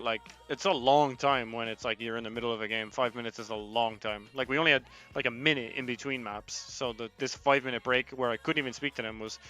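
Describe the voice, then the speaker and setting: A young coach talks loosely over game footage, swearing and chatting to viewers in between. His voice is bright and forceful at a middling pitch. Soft music plays quietly in the background. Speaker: esports head coach reviewing match footage. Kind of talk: casual livestream commentary. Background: faint music playing.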